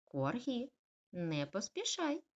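A woman's voice: mid-range voice, huge pitch swings, takes it slowly, voice pushed up, exaggerated voice. A woman playing a worried mother dog. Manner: gentle but firm, warning.

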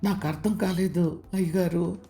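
A woman's voice: fairly low pitch, steady tone, moderate pace, vocal fry, warm tone, faint music behind. A woman voicing a timid, deferential young housemaid in a narrated story.

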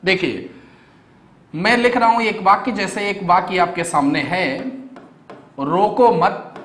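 Young guy doing an exam-prep lecture, keeps asking if you got it, kinda high voice. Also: animated, a little slow, a bit bright, slight background noise. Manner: explains step by step, often checks understanding. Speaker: teacher. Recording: echoey room.

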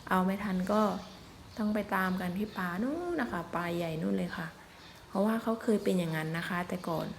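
A woman's voice: fairly low pitch, a little fast, vocal fry, slight background noise. A woman chatting politely and casually as she narrates an outdoor vlog in the forest. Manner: chatty, polite, with frequent soft particles. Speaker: vlogger filming elephants.

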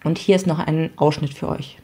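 A woman's voice: sits low, steady tone, normal speed, dark tone, breathy edge. A woman hosting a podcast, reviewing a book in a frank, chatty way. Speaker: podcast host.

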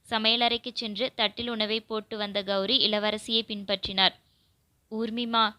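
A woman narrating a romance novel in a steady, even reading. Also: mid-range voice, moderate pace, clean tone, no echo. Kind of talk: scripted narration.

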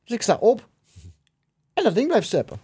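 A man's voice: high voice, wildly swooping pitch, moderate pace, mellow, slightly rough, no echo. Swearing, anecdotal podcast guest, man. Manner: loose, swearing, anecdotal storytelling. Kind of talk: casual chat.

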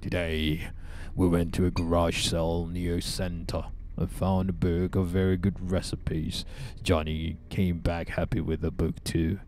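Man voicing an old grandmother's diary for a game stream, very low storytelling voice, noisy mic. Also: flat delivery, unhurried, few pauses, darkish tone. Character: elderly grandmother reading out her diary.

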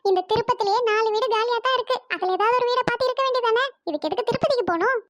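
Cartoon: woman voicing a stingy, bossy housewife; very high, fast, nagging. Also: fairly bright tone, no echo, studio quality. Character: bossy, penny-pinching married housewife neighbor. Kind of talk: cartoon comedy voice acting.

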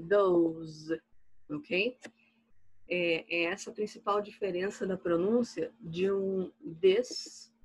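A Brazilian woman teaching a recorded online English class, explaining slides patiently, slow and clear, checking "ok?" after each point. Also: mid-range voice, dry recording, rough recording. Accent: Brazilian Portuguese.

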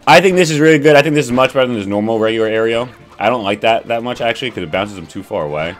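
A man's voice: medium pitch, expressive, rapid-fire, faint music behind. A young man casually walking through a game character's moves as a tutorial host, enthusiastic and rambling with laid-back slang. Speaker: gaming channel host.

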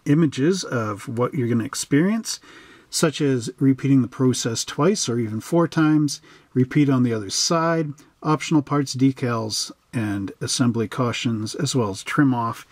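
Here the model kit channel's host, a middle-aged western Canadian, talks in a folksy, relaxed manner while unboxing and going over instructions. His mid-range voice is a little mellow, with no echo.

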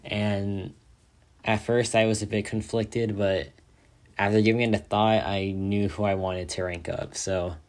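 In casual gameplay commentary, a young mobile game creator talks excitedly about his rewards, his slightly low voice raspy and tired from a long day of speaking. He rambles a little slowly, full of filler words and frequent "like"s.

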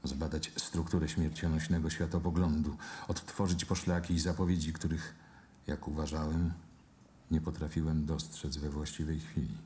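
A man reading literary prose in a measured, formal way. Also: very deep voice, little pitch movement, dark tone, slight background noise.

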